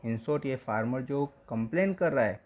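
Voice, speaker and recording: A male teacher explaining an English story in Hindi, reading the English lines slowly and then explaining them in mixed Hindi and English. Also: medium pitch, expressive, darkish tone.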